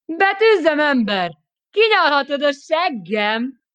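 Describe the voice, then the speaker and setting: A woman's voice: mid-range voice, lively intonation, a bit bright, clean tone, no echo, pitched above the performer's own voice, lightly acted. A woman reading an audiobook, voicing a crude, mocking young female prisoner in a sneering, brash manner.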